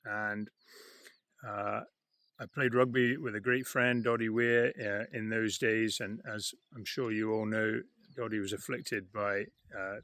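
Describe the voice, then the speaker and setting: A man who farms and once played rugby, introducing himself and a charity cycling challenge, with frequent hesitant pauses. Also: on the low side, pushed and bright, no room sound. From Scotland. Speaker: farmer and former rugby player. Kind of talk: personal introduction to camera.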